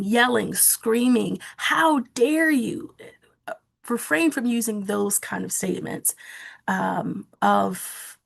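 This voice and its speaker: A woman presenting a training session, giving calm, practical coaching on how to testify. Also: medium pitch, vocal fry, husky. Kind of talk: instructional webinar talk.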